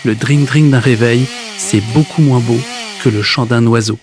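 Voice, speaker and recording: A man reading a children's story aloud in a gentle, expressive way. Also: medium pitch, moderate pace, over music. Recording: hissy recording.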